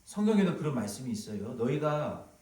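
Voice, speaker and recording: A male pastor preaching a sermon, animated and storytelling, at times acting out sounds, in a church sanctuary. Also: medium pitch, brisk. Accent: Korean, Jeolla dialect touches. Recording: echoey hall, from far off.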